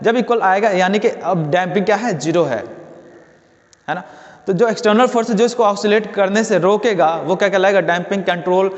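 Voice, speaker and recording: A man teaches physics in a fairly high voice, keeps posing questions and answering them himself. The sound is dull and lo-fi, with a long reverb trailing behind him. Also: a little fast. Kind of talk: classroom lecture.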